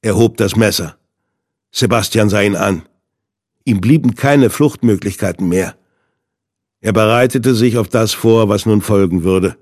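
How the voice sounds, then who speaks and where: A man narrating a thriller audiobook in a measured, suspenseful way, with a husky voice. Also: fairly low pitch, darkish tone, dry recording, studio quality.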